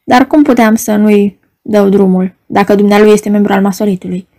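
A woman's voice: medium pitch, steady tone, vocal fry, mellow, natural voice. A woman reading an audiobook voices a flustered male doorman who pleads and apologizes. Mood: pleading.

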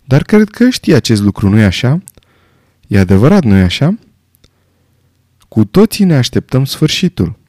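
A man reading the part of an old army general, speaking quietly, gravely and reflectively. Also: medium pitch, big pitch swings, pauses often, no room sound, studio quality. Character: old male army general, calm, weary, haunted.

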